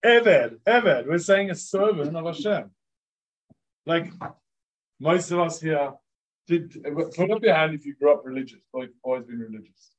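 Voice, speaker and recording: This rabbi's voice is fairly high and animated, moving at a moderate pace, and the recording's highs are cut off. He's teaching a live group of students in a loose, conversational lecture, dropping "like" constantly and quizzing the audience as he goes.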